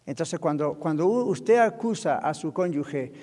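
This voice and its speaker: High-voiced pastor preaching in a hall. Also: male voice, expressive, a little slow, darkish tone. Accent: Latin American Spanish. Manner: conversational preaching with asides to the congregation. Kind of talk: sermon on marriage. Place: church hall.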